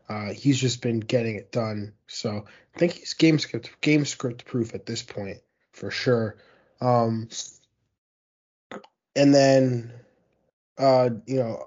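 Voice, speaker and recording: A man's voice: mid-range voice, a little mellow, lo-fi sound. A man hosting a fantasy football podcast, talking through weekly player stats in a loose, rambling way full of fillers and restarts. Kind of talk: casual sports analysis monologue.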